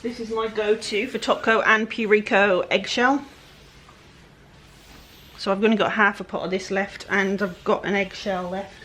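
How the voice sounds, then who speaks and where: A woman's voice: mid-range voice, fairly even intonation, normal speed, a bit bright. Rambly west country lady chatting through a furniture flip, easygoing and self-mocking. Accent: West Country English. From England-Wales border, UK. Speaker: furniture flipper. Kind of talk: casual DIY vlog narration.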